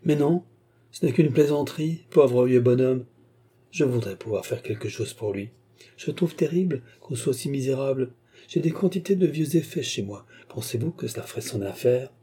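A man reading aloud, voicing an earnest, sulky young gentleman in a dark, husky voice. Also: mid-range voice, expressive, normal speed. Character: young gloomy, impulsive gentleman in love.

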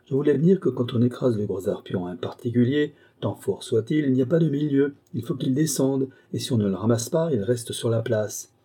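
A man's voice: mid-range voice, expressive, fairly quick, hardly any pauses, dark tone, breathy edge. A man voicing a coarse, boastful male carter gossiping in a crowd, in an audiobook reading.

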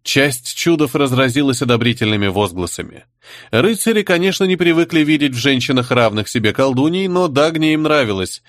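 A man narrating a fantasy audiobook in an expressive storytelling manner. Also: mid-range voice, a little fast, dry recording, studio quality. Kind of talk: scripted narration.

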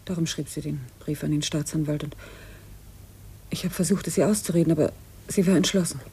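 A woman's voice: deep voice, fairly even intonation, fairly quick, dark tone, slight background noise. An actress playing a frightened, guilt-stricken female witness in a 1950s radio drama, hesitant and half-whispering. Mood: fearful.

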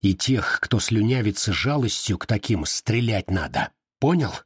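A man voicing a hardened male revolutionary who speaks curtly and in a grimly calm way. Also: medium pitch, takes it slowly, breathy edge. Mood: cold. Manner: flat, curt, grimly calm. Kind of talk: audiobook character voice.

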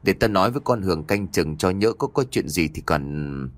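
Narrator voicing a blunt older uncle, low and unhurried. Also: male voice, animated, no room sound. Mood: hushed.

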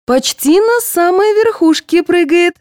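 A woman voicing a kindly, fussing head nurse who coaxes and gently scolds a patient. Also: high voice, very animated, normal speed, no echo, studio quality, pitched above the performer's own voice. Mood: coaxing.

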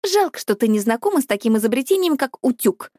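A vain, stylish teenage schoolgirl speaks with a sarcastic, showy edge, as a woman narrator puts her on. The voice is high and lively. The reading sounds dry and close. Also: fast, no echo. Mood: teasing.

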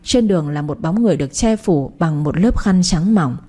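Woman, storyteller, scripted first-person narration, slow and emotional, husky, mellow. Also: lowish voice, expressive.

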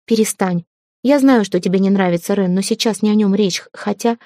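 Heartbroken young woman, soft, pleading, read by a woman, mellow voice, dry recording. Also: medium pitch, brisk, no echo, natural voice. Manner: soft, pleading, near tears.

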